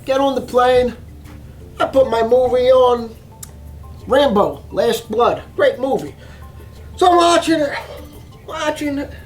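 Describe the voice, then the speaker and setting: A man hosting a vlog, telling a long story in an emphatic, animated way and often repeating himself. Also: very high-pitched, takes it slowly, pauses often, faint music behind, rough recording. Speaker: cooking channel host.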